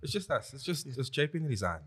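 A man's voice: mid-range voice, very animated, fast talker, a bit bright, slightly rough. A man hosting a podcast in casual chat, playful and teasing, with hype interjections. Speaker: podcast host.

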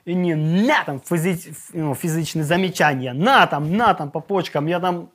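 A man's voice: a little high, normal speed, fairly bright tone, breathy edge. Slangy man telling a story vividly. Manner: vivid, slangy retelling with sound effects and swearing. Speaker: podcast guest. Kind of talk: casual storytelling.

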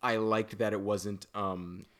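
A man's voice: fairly low pitch, flat delivery, slow pace, a bit bright. A man co-hosting and producing a podcast, chatting casually about a movie in a teasing, rambling way with lots of fillers. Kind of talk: casual movie-review chat. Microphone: podcast microphone.

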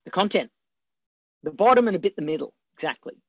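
A man's voice: sits high, lively intonation, brisk, no echo. A man hosting a live webcast, teaching in an emphatic, conversational way and answering viewer questions. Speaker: webcast host and book coach. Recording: dry, slightly dull webcast audio.

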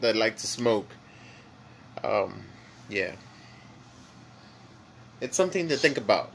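A slow, creaky-voiced podcast co-host rambles while high, easygoing and full of fillers in casual chat. Spanish is his native language and his accent is Mexican; mild background noise is audible.

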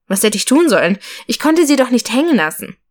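A young woman in a storybook frets and pleads, her voice pitched a little higher than the reader's usual. A woman reads her lines, staying close to her own tone. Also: sing-song, fairly quick. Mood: pleading. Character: young woman passenger, anxious twin sister.

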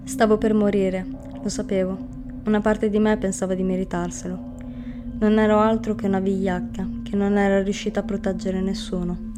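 A woman narrates a grim first-person story. Her pitch barely moves, which gives the reading a flat, heavy feel. Music plays clearly beneath her voice. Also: moderate pace. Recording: music bed under the reading. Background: music underneath.

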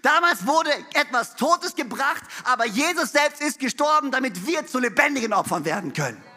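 High-voiced, bright emphatic male pastor. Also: very animated, normal speed. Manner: emphatic preaching, building to loud refrains; playful asides and laughs. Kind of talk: sermon.

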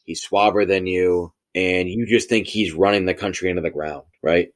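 Guy with a kinda low voice debating casually on a podcast, really pushing his point. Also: steady tone, normal speed. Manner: emphatic, argumentative, repeats phrases for emphasis. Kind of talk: casual debate, explaining a theory.

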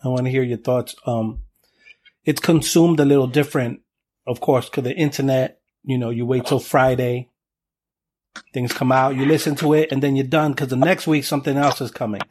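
Steady man hosting a music podcast. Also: medium pitch, normal speed. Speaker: podcast host. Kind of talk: casual podcast chat about music.

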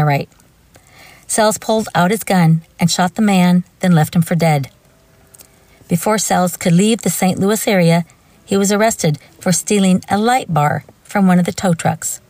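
A woman's voice: fairly low pitch, moderate pace, a little mellow, dry recording. A woman hosting a true crime show, reading scripted narration broken up by informal, wry asides. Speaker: true crime podcast host.

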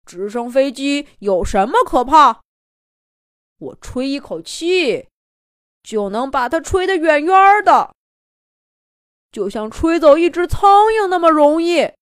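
A woman voicing a boastful big bull who mocks the others with slow, booming laughter, in a children's storybook. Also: animated, no room sound, clean studio sound. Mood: mocking, boastful.

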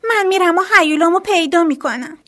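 A woman's voice: very high voice, pushed and bright, pitched above the performer's own voice. A woman playing a spirited little girl. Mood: determined. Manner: spirited and bold. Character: determined little girl adventurer. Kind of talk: storybook reading.

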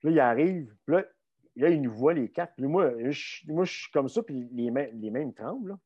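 A man with a Québécois French accent telling a story casually as a guest, animated and full of filler words. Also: on the high side, normal speed, breathy edge, no echo, lo-fi sound. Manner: animated, fills talk with "là" and mild swearing.

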